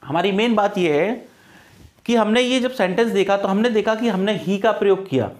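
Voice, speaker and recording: A man's voice: sits high, expressive, moderate pace. A man teaching English grammar for exam prep, mixing Hindi and English, with an Indian accent. He asks his class questions and answers them himself, and he drills pronunciation.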